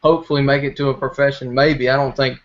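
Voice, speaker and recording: A man's voice: mid-range voice, little pitch movement, fast talker. A young man appearing as a podcast guest, outspoken and brash in casual chat. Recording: dull lo-fi sound.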